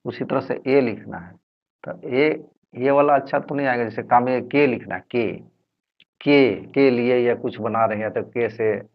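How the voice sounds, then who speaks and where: A man from Jharkhand with a Jharkhand Hindi accent, teaching Hindi letters slowly and repetitively, sounding out each syllable, on a dull lo-fi recording. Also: mid-range voice. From Jharkhand, India. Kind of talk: explaining Hindi letters at a board.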